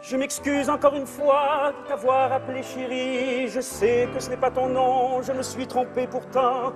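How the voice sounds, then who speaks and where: An earnest, pompous young suitor in a comic sketch, his voice pitched high and drawn out slowly. He declaims in a mock-operatic style over music. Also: completely flat delivery. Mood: mock romantic. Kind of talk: comic sketch, half-sung recitative.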